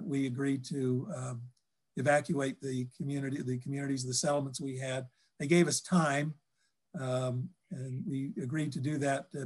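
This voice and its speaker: An older man on a video call from a book-lined office, recounting history in a halting way, full of ums and restarts. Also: medium pitch, a little mellow. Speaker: historian guest. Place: office with bookshelves.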